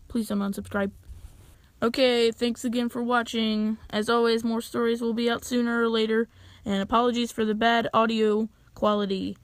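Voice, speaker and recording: Wry young woman with a brightish voice. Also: a little high, flat delivery, measured pace, dry recording. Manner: wry, dry humor with playful exaggeration. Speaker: channel owner telling a story. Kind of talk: animated storytime narration.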